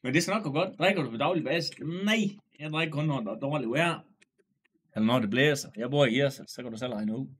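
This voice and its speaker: A man streaming live, chatting casually and loudly, joking, swearing and greeting viewers by name. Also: mid-range voice, slightly rough.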